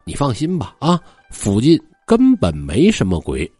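A man voicing a playful, coaxing young forest maiden who may be a ghost, in a husky voice. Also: mid-range voice, huge pitch swings, a little slow, warm tone, no room sound, faint music behind, heavily acted. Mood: teasing. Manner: playful, coaxing, mock-spooky.

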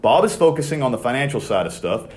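A man's voice: mid-range voice, very animated, fast talker, darkish tone. A young man hosting a podcast, talking in a casual, conversational way with many fillers and restarts. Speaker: podcast host.

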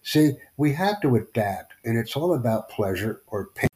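A man from the United States hosting a live stream, chatting casually with strangers in a rambling, halting way full of fillers. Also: medium pitch, sing-song, a little mellow. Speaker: livestream host.

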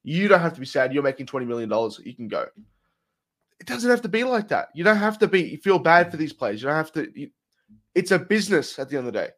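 A man's voice: a little high, very animated, fast talker, fairly bright tone. A man co-hosting a sports podcast, talking bluntly and swearing, with jokey sponsor reads. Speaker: podcast co-host. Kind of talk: casual sports podcast chat.

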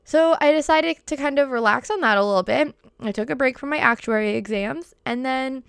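Chatty young woman, Boston accent, gravelly fry. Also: high voice, fairly quick, a bit bright, no echo, studio quality. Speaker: podcast host. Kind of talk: casual solo podcast talk.

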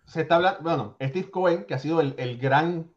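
A man's voice: on the high side, moderate pace. A man with a Caribbean Spanish accent chatting casually about sports as a reporter, repeating phrases for emphasis. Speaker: baseball reporter. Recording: dull lo-fi audio.

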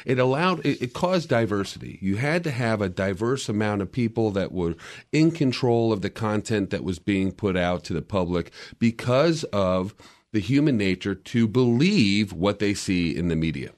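A man's voice: on the low side, lively intonation, moderate pace, a little mellow. A man in a casual podcast discussion, explaining media history in a lecturing way with frequent restarts.

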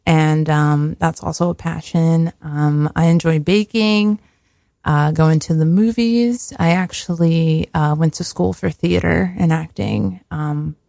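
A soft-spoken woman guest chats casually in a fairly low voice with plenty of vocal fry. She feels her way through her thoughts a bit self-consciously, and the sound is close and dry. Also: slow pace, no room sound. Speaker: podcast guest. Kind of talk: casual conversational interview.

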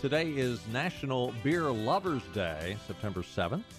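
A man's voice: mid-range voice, very animated, moderate pace, faint music behind. A man hosting a talk radio show, chatting, reading the weather and live ads in a conversational way.

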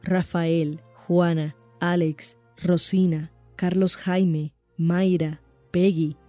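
A narrator reading a scripted news report in a measured, even way. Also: mid-range voice, no room sound, soft background music.

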